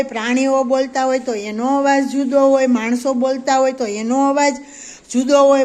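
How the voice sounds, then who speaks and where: A woman's voice: high voice, darkish tone. A woman teaching a preschool class, asking the children questions and praising their answers. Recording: faint background noise.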